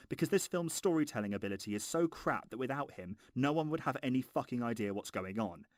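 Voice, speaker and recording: Man, film reviewer, scripted sarcasm, exasperated, sweary, very varied pitch, dry sound. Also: no echo.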